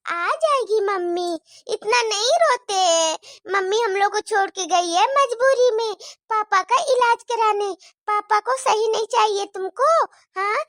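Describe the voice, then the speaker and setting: A caring older sister in a cartoon story, played by a woman, with a high, bright, girlish voice. She coaxes and comforts, close and dry to the mic. Her tone stays patient and soothing. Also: no echo. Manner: coaxing, comforting.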